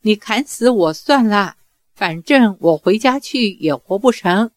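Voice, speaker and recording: A woman's voice: mid-range voice, lively intonation, a little slow, no echo, natural voice. A woman reading aloud voices a mischievous young man who whines and wails pleas while feigning helplessness. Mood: whining. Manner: whining and wailing pleas.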